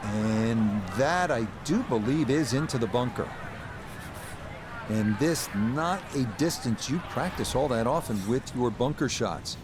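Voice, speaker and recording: A man acting as a composed TV golf commentator, giving measured, understated play-by-play. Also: mid-range voice, animated, background noise, lightly acted. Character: composed male TV golf announcer. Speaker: golf commentator, lead announcer. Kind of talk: golf commentary in a video game broadcast.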